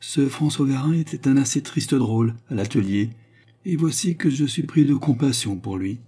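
A man's voice: medium pitch, expressive, normal speed, mellow, breathy edge, voice pushed up. A man playing a kindly young workshop owner. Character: kind, good-hearted young workshop owner.

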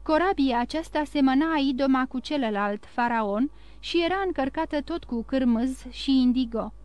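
A woman narrating a classic novel in a measured, expressive audiobook reading. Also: high voice, smooth, no room sound.

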